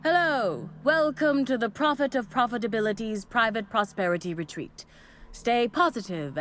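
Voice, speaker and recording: A woman voicing a devoted female cult assistant in a game, giving a chipper pitch that sags into tired resignation. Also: slight background noise, close to an everyday voice. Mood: forced cheer. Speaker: voiced game character.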